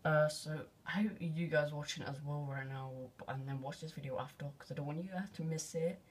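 A teenage guy excitedly narrating a quick phone video, rambling with lots of fillers and casual slang. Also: a little high, husky. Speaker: vlogger. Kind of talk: excited off-the-cuff phone commentary. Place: at home by an open window at night. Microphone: phone held out of a window.

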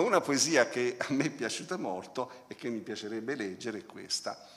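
A male critic speaks in a medium-pitched voice, working through poems in a careful, analytical way. He pauses and searches for the right word as he goes. His voice carries a long, ringing reverb from the lecture hall. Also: a bit bright. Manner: hesitant, searching for words; analytical, close reading of sound patterns. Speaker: literary critic presenting a poetry book. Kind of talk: spoken book presentation.

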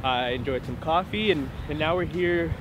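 Laid-back young-sounding companion on a beach vlog, slightly high voice, heavy wind noise. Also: male voice, moderate pace. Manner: relaxed, laughs easily. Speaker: travel companion. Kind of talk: casual travel vlog chat. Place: outdoors on a beach.

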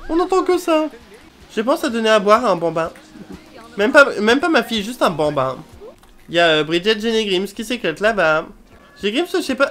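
A woman's voice: medium pitch, fairly bright tone. Chatty woman commenting her gameplay. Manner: chatty, swears and drops English exclamations. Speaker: video game let's player.

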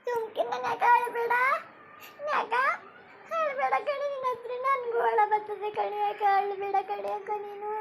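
A woman's voice: extremely high pitch, little pitch movement, normal speed, vocal fry, very noisy. A woman voicing a regretful younger sister-in-law in a village cartoon, crying and pleading with her elder. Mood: tearful pleading. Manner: pleading, sobbing. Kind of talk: cartoon voice acting.

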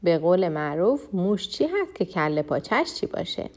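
Woman reading a kids story, lowish gentle voice, steady pace.

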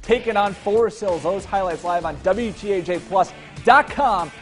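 A man anchoring TV sports, narrating football highlights in an energetic, punchy way. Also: moderate pace, faint music behind. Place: TV studio.

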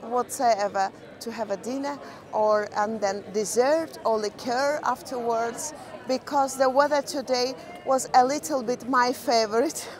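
Woman, vlog co-host, high voice, halting casual chat, outdoor harbour, crowd noise. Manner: chatty, halting, searches for words. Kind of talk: casual chat while walking. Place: busy outdoor harbour promenade at night. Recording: noisy crowd behind. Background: crowd chatter.

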